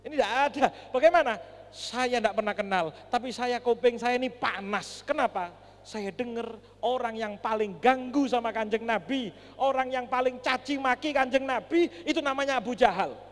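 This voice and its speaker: A man acting out a bold young companion, earnest and pleading, pitched higher than his plain speech. The lilt stays in every word, and a long hall reverb rings behind him. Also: normal speed. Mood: earnest, determined. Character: brave eager young male companion. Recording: echoey mosque hall.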